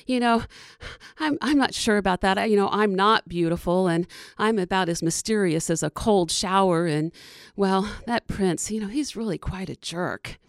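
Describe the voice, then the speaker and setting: A woman's voice: medium pitch, moderate pace, no echo, studio quality, close to an everyday voice. A woman voicing a plain, blunt young Cinderella who talks hesitantly in a told story. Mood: reluctant.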